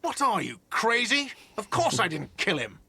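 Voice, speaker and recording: A man's voice: sits high, sing-song, normal speed, bright, forceful tone, breathy edge, dry recording, heavily acted. A man voicing an impatient middle-aged bartender in a detective game, exasperated and sarcastic. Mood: irritated.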